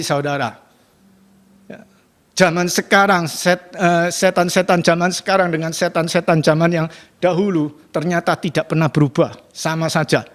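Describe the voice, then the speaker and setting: Fairly high-voiced male pastor preaching. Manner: repeatedly addresses the congregation, asks for amens; dramatic shifts in pitch and loudness when stressing points. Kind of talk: sermon.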